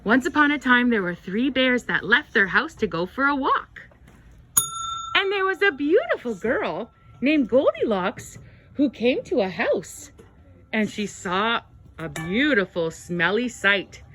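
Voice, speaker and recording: A woman tells a children's storybook tale with dramatic exclamations and gasps. Her voice is high and swoops widely, and she takes her time. The tone is bright and clear. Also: very animated, unhurried. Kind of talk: animated storybook narration for children.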